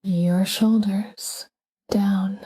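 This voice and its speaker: With a mid-range voice, a woman leads a sleep meditation in a breathy, soft whisper. Her tone is gentle and calm, and her short phrases come unhurried.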